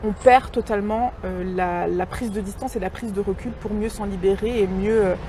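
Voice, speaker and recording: A woman from Congo, a writer and poet, giving measured interview answers with frequent hesitations, recorded outdoors in a city. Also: medium pitch, fairly even intonation, noisy background.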